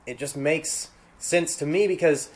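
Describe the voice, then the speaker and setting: Halting casual man in a cold room. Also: fairly high pitch. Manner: halting, restarts words, long pauses. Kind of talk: casual political chat. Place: cold unheated jam room.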